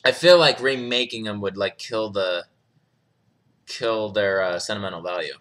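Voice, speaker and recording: A man's voice: fairly low pitch, normal speed, fairly bright tone. A young man hosting a live question-and-answer stream, chatting casually, reading viewer comments and laughing often. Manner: laid-back, chuckles often, reads chat aloud.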